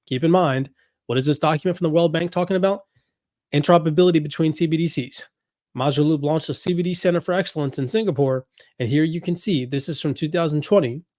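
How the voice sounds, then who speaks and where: Host, man, slightly higher voice, dry close mic, screen-share explainer who reads and repeats points. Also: fast talker, a little mellow, no echo. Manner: explains while scrolling, reads passages aloud, repeats points. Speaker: crypto commentary host. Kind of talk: screen-share document walkthrough.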